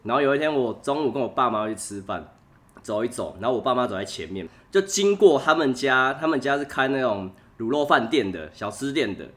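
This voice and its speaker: A man's voice: mid-range voice, expressive, brisk, a bit bright. A young man with a Taiwanese Mandarin accent, a podcast guest telling funny stories in casual chat and laughing often.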